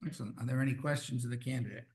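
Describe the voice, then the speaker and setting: A man chairing a town council meeting in a council chamber, brisk and informal. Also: medium pitch.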